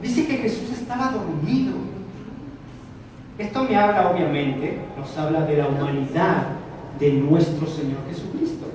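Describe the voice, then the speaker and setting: A man preaching a sermon to a congregation, animated, swinging between loud and soft. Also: fairly high pitch, unhurried, noisy background. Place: church hall with congregation. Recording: echoey hall, from far off. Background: congregation answering.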